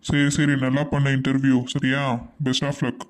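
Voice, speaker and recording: A man's voice: mid-range voice, monotone, unhurried, a little hiss or hum, close to an everyday voice. A man voicing a strict, hot-tempered young husband in a Tamil cartoon, with a stern, scolding way of talking.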